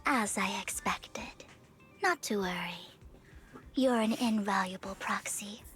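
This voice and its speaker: A woman voicing a secretive young female informant in a game, talking in a hushed whispered role-play voice. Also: takes it slowly, soft background music. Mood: whispering, coy. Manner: hushed breathy whisper, with flights of high excitement. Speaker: video game character.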